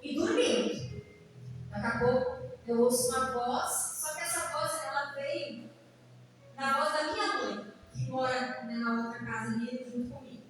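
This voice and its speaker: High-voiced Brazilian woman preaching in a hall. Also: normal speed. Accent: Brazilian Portuguese. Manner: animated, calls out to the congregation, sings out phrases. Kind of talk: sermon. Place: church hall. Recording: echoey hall, distant mic, faint noise.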